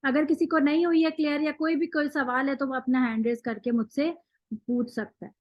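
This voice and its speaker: A woman's voice: high-pitched, flat delivery, brisk, dry recording, dull audio. A woman teaching Quran recitation in an online class, explaining patiently step by step and reciting examples.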